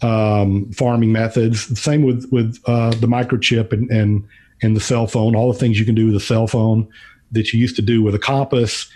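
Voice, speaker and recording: A man giving unscripted podcast commentary, thinking aloud in a halting way with repeated words. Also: fairly low pitch, little pitch movement, dark tone, a little hiss or hum. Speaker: podcast's featured financial commentator.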